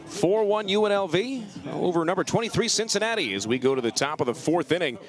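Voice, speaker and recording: A man's voice: high voice, lively intonation, fast. A man giving live baseball commentary as a play-by-play broadcaster at an outdoor ballpark.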